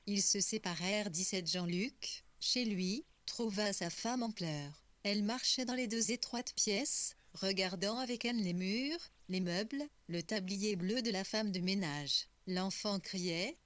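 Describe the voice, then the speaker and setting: A woman reads a novel aloud in a measured, literary manner. Her voice sits at a middle pitch, and the recording is close and dry, with no room echo. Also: a bit bright. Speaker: narrator. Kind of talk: audiobook narration of a novel.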